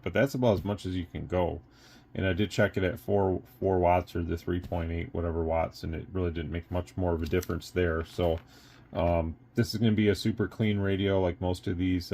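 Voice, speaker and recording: In a casual hands-on review, an American man who runs a radio shop and reviews products rambles through his explanations in a matter-of-fact way. His voice is low, creaky and darkish, with slight background noise behind it.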